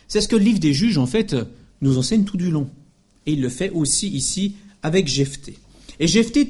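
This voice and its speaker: A man preaching a sermon in an emphatic, lively way, often adding little asides and short laughs. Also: on the high side.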